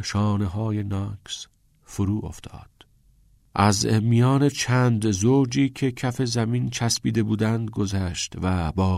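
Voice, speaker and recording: A man narrating an audiobook with an expressive storytelling delivery. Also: lowish voice, creaky, no echo, studio quality.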